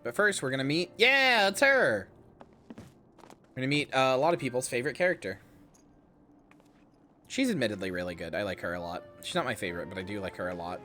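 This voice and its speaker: A man giving casual live stream commentary on a game, chatty and expressive as he talks to viewers. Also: lowish voice, fast talker, faint music behind.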